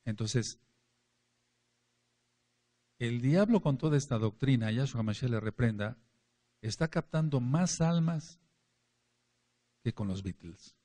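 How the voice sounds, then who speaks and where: A man's voice: medium pitch, expressive, slow pace, long pauses, warm tone. A man preaching a Bible study to a congregation, emphatic, repeating key words and speaking to his listeners directly. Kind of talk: sermon-style Bible teaching.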